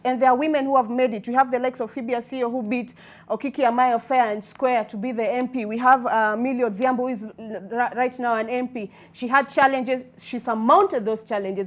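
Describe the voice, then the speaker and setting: Kenyan female panelist, higher voice, argumentative, opinionated, formal turns of phrase. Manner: emphatic, argumentative, formal wordy vocabulary. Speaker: debate panelist on a TV talk show. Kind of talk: opinionated debate.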